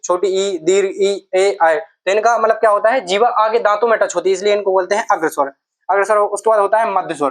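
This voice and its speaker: This is an exam-prep Hindi grammar lesson led by a woman with a medium-pitched voice. She breaks things down step by step, answers the questions she raises herself, and returns to key terms repeatedly.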